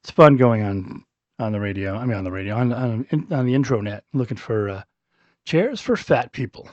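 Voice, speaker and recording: A man co-hosting a podcast in casual chat, joking and rambling, his voice a little hoarse. He has a mid-range pitch. The sound is dry and slightly dull. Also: lively intonation, normal speed, dry recording. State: clearing throat, losing his voice. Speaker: podcast co-host.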